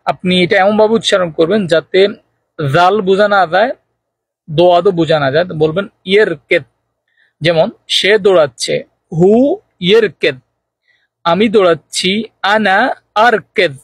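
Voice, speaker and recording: A man teaching spoken Arabic in a lesson, slowly repeating example phrases with care. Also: high-pitched, husky, no room sound. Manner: slow, careful repetition of example phrases.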